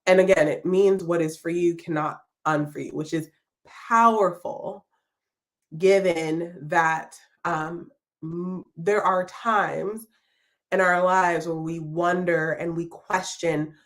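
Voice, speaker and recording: A woman with a somewhat low voice hosts a live-streamed podcast from her home. She speaks warmly and reflectively, welcoming her audience and encouraging them. Her talk is unscripted and loose, with plenty of ums and restarts. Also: steady tone, takes it slowly. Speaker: podcast host.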